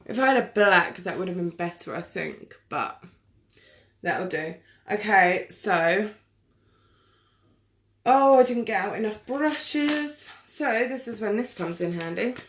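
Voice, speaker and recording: A woman chatting casually through a live makeup tutorial, self-deprecating and quick to laugh. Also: mid-range voice, lively intonation. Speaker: makeup vlogger.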